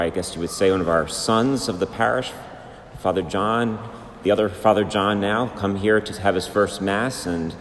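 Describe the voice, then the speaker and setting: An American priest with a low male voice chants the liturgical greetings during a sermon and liturgical reading. He is amplified in a large, reverberant church, so the recording carries long cathedral echo along with a little hiss or hum.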